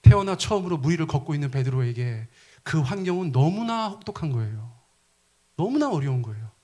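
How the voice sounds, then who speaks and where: A man's voice: a little high, sing-song, brisk, dark tone. A middle-aged male pastor preaching a sermon, asking the congregation questions and acting out quoted lines.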